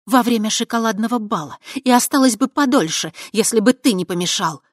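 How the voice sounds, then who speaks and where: A fiery young witch with a hot temper, her voice pitched high and sharp, as an audiobook reader puts her on. The delivery is emotional and pointed, recorded dry and close. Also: lively intonation, brisk, no room sound, natural voice. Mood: angry. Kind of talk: audiobook character voice.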